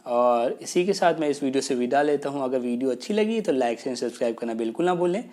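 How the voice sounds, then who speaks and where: Male teacher, patient and explanatory, casual talk-to-camera delivery, slows down for key points. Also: medium pitch, animated, darkish tone. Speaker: English teacher. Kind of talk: casual spoken lesson, mixing Hindi and English.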